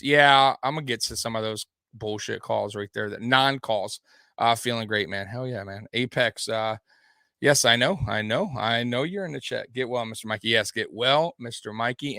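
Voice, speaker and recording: A Detroit-area man with a medium-pitched, bright, forceful voice hosts a laid-back sports recap, sounding a little tipsy. He rambles loosely from thought to thought while responding to his live chat, recorded dry and close without room echo.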